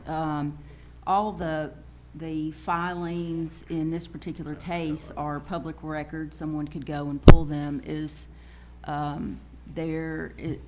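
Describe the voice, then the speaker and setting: Woman, deep for a female voice, flat intonation, polite careful meeting speech, some background noise. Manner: polite, careful, pausing often. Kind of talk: formal request at a public meeting.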